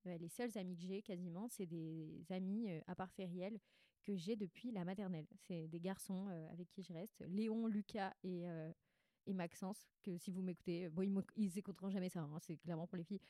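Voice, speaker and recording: A woman's voice: lowish voice, fairly even intonation, brisk, mellow, no echo. Young woman with a stuffy nose. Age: 20s. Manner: candid, rambling, self-interrupting. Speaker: podcast host. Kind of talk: casual confessional monologue, chatty and slangy.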